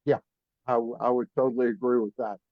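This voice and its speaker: This fast-talking sports radio host has a mid-range, level voice, captured with no room sound in narrow, tinny audio. He trades blunt, casual interview chat with a guest and reads out sponsor plugs.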